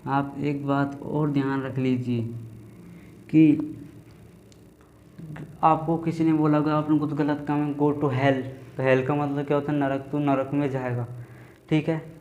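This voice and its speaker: A man's voice: fairly high pitch, little pitch movement, a little slow, long pauses, darkish tone. A male teacher giving a classroom lecture, who keeps asking rhetorical questions and checking in with "theek hai". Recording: echoey room, dull lo-fi sound, faint noise.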